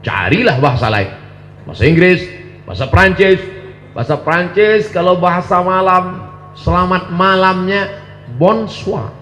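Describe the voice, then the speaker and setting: Animated male preacher, echoey hall. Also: sits high, faint music behind. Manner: playful, chants Quran verses in long drawn-out recitation. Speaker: Islamic preacher. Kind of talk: humorous sermon to students. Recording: echoey hall with long reverb.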